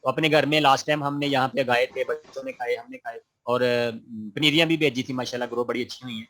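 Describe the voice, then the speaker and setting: His voice is mid-range and a bit bright, with fairly even intonation, as he teaches gardening online. He reads out students' questions and answers them patiently and encouragingly, in a friendly way laced with religious phrases.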